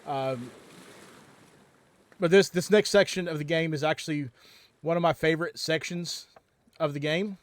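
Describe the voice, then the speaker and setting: A man's voice: on the high side, steady tone, normal speed, long pauses, dry recording. A man streaming a game from home, chatting casually into a headset mic and rambling with lots of ums and restarts. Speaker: livestream gamer.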